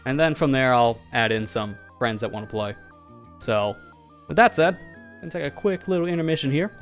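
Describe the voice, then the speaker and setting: A man's voice: medium pitch, lively intonation, fairly quick, faint music behind. A man hosting a casual livestream from home, chatty and joking, laughing often as he talks over voice chat. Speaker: streamer host.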